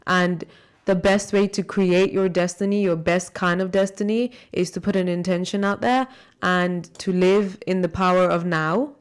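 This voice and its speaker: Smooth woman with a transatlantic accent. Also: fairly low pitch, steady tone, normal speed, hardly any pauses. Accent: transatlantic blend. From raised in Malawi, then Sharjah. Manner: earnest, checks listeners follow. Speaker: radio show guest. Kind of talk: casual, reflective radio chat.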